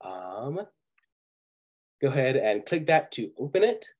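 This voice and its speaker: This man, sick at the moment, runs an online coding lesson on a video call. His mid-range voice stays relaxed and patient, broken up by many pauses and ums.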